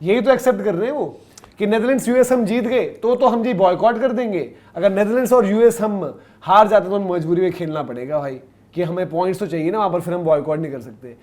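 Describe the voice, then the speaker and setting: A man's voice: high voice, quick pace, a little mellow. A man co-hosting a cricket talk show, explaining and arguing his points in casual panel chat. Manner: explanatory, argumentative.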